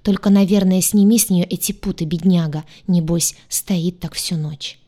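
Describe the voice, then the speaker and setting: A kind-hearted young heroine from a fantasy romance audiobook, flustered and a little squeaky, as a woman narrator plays her. Her voice is a touch low for her age. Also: fairly even intonation, moderate pace, dark tone, lightly acted. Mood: tender.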